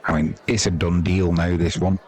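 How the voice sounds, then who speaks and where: Speaking at a moderate pace in a low-pitched, level, slightly mellow voice, an Englishman gives informal, chatty live cricket commentary as a commentator and stream host. Wry, colloquial asides pepper his talk, set against stadium crowd noise.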